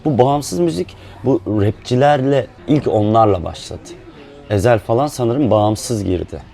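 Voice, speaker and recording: A man speaking in a relaxed, explanatory way, with fillers, as a musician guest in a casual chat. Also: medium pitch, measured pace, creaky, soft background music.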